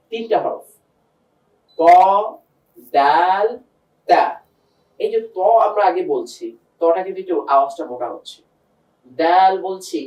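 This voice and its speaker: The instructor's voice is high and warm as he patiently drills each letter sound for reading the Quran, talking straight to a student and the viewers. The audio is roomy, with his voice coming from afar.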